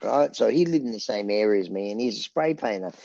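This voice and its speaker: A gravelly, low-voiced Australian man in middle age tells long, rambling stories and acts out the quotes. The sound is dry and slightly dull, like a remote call. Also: quick pace, no room sound. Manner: rambling, animated anecdotes with acted-out quotes. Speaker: rock band frontman, interview guest. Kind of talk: casual storytelling.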